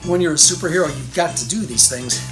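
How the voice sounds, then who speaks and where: A woman playing Batman as a gruff, overconfident superhero reading a storybook to children. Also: quick pace, over music, lightly acted, poor audio. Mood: gruff boasting. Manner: gruff, low, mock-heroic. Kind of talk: storybook read-aloud for children.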